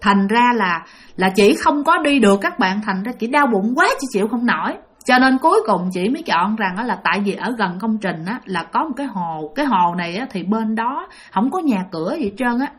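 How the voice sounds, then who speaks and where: A woman's voice: medium pitch, lively intonation, a little fast. A woman with a Southern Vietnamese accent telling a ghost story in a chatty way, often addressing her listeners directly. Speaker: storyteller host. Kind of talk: casual spooky storytelling.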